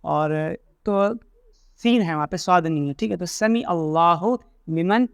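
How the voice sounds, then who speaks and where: High-voiced man teaching prayer corrections. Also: vocal fry, clear, resonant tone, no echo, studio quality. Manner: demonstrates recitations slowly and deliberately; explanatory, repeats points, many restarts. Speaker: religious teacher. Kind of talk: instructional video lesson.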